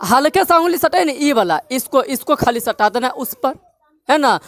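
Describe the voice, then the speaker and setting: A woman's voice: sits high, animated, moderate pace, no room sound. A woman with a Bihari Hindi accent teaching English phonics, drilling students with repeated call-and-response questions. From Bihar, India. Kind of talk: classroom-style lesson.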